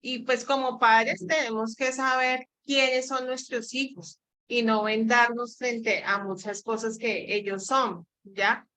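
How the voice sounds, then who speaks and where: A woman moderating an online parenting session, giving calm, measured advice. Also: on the high side, poor audio.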